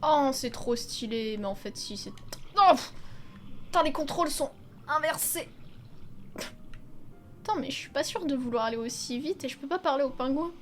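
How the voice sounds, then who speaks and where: A young woman plays a video game as a let's player, giving casual, chatty commentary full of exclamations and free swearing. Her high-pitched voice is animated and moves at a normal speed, with a little hiss or hum over faint game music.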